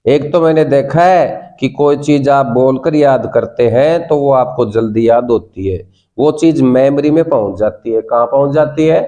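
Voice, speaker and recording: Man, Indian accent, English teacher, mellow tone, coaxing, repeats prompts. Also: medium pitch, normal speed. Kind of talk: classroom lesson.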